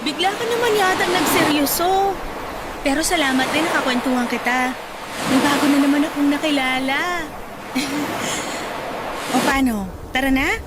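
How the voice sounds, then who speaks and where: In a radio drama, an actress plays a young woman volunteering at a charity event, chatty and encouraging, teasing lightly and laughing often. Her high voice moves a little slowly with long pauses, and her mood is friendly and lively. The recording is very noisy, with loud music playing in the background.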